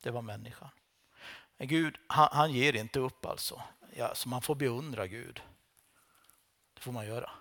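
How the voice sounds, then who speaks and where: A man preaching a sermon, retelling scripture with dramatic storytelling, swinging between loud outbursts and hushed lines. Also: medium pitch, long pauses.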